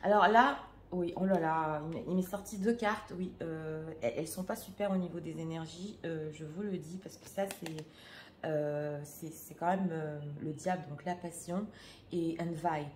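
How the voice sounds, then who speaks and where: A woman's voice: low-pitched, steady tone, moderate pace, reverberant, slight background noise. A French-speaking woman reading tarot cards for her viewers in a casual, hesitant way, full of fillers and restarts. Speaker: tarot reader.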